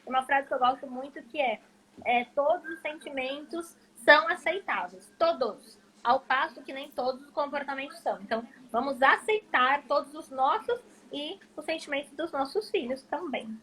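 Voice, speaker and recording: A woman's voice: high voice, normal speed, pushed and bright, rough recording. A woman hosting a live stream conversation, speaking emphatically and affirming her guest.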